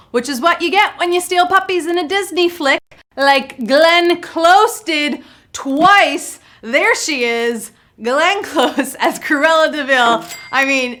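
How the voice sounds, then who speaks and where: A woman with a high, sharp voice hosts a live trivia game show, bubbly and jokey, cracking puns and talking to players in the chat. Faint music plays behind her.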